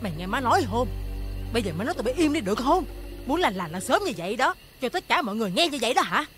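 A woman's voice: fairly high pitch, very animated, faint music behind. An actress playing a stern middle-aged mother of the house, scolding with a Southern Vietnamese accent. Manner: scolding, quick and sharp.

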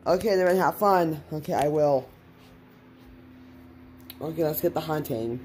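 A woman's voice: sits low, a little slow, a little mellow, slight background noise. A woman hosting a plush toy show, chattily narrating her toy play and talking to herself. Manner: chatty, talks to herself while acting out play.

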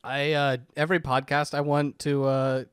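A man's voice: a little high, moderate pace, smooth, no room sound. A man co-hosting a game podcast, speaking dryly and reading listener letters aloud. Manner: dry, deadpan, reads letters aloud. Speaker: podcast co-host. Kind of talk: casual chat.

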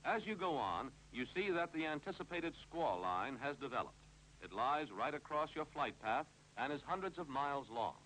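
Reading scripted narration for a 1950s training film, an American man sounds clipped and authoritative, his a-little-high voice slightly bright and sing-song at a moderate pace. Hum and noise fill the old film soundtrack.

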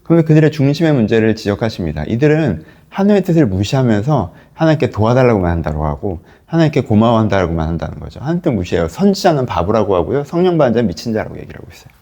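A man's voice: lowish voice, very fast, hardly any pauses, highs cut off. A male pastor giving a conversational Bible teaching, talking straight to his listeners and acting out quoted voices. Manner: lively, acts out quoted voices, asks listeners questions.

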